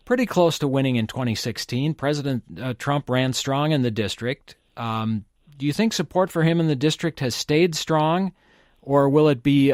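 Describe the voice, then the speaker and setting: A man working as a public radio host, putting measured, polite questions to a guest in an interview. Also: medium pitch, a little mellow, no room sound, clean studio sound.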